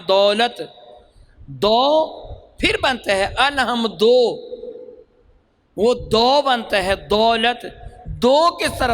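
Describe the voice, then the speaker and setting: A man teaching Quran reading in a lesson, stretching sounds out slowly as he demonstrates them and quizzing his listeners. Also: sits high, fairly bright tone, slight background noise, low-quality recording.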